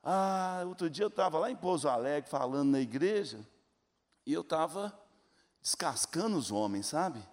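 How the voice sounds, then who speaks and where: A man's voice: fairly high pitch, expressive, moderate pace. Older man preaching in a reverberant hall. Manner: emphatic, acts out quoted voices in dialogue. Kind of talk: sermon with storytelling.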